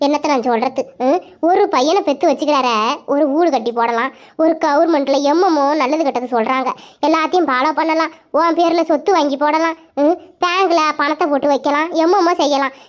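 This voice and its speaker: A woman's voice: sits high, a little fast, close to an everyday voice. A woman voicing a put-upon young village housewife in a cartoon, grumbling and lamenting, on a dull lo-fi recording.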